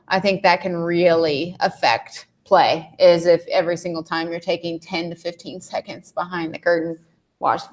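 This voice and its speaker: A woman tennis coach explaining match strategy in a casual live panel chat, with lots of "um" and "like". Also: on the low side. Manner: explanatory, many fillers like um and like.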